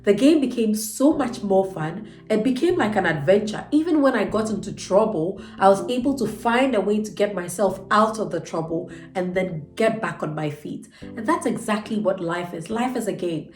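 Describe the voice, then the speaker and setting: This channel host's mid-range, slightly mellow voice has lively intonation and runs at normal speed with hardly any pauses. Nasal and congested from a cold, she earnestly encourages viewers through a motivational book, elongating words for emphasis. The room echoes, with faint music behind.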